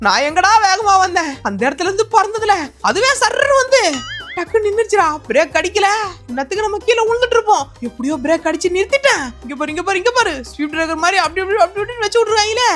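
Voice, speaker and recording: Fast, high-voiced excitable woman gamer. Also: faint music behind. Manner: chatty, teasing, excitable. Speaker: gaming channel host. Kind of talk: playful game voiceover commentary.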